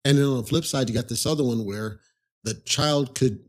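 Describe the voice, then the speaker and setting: Husky-voiced man telling a rambling story. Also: medium pitch, normal speed. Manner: rambling, conversational, frequent "you know" asides. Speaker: podcast host. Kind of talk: casual storytelling monologue.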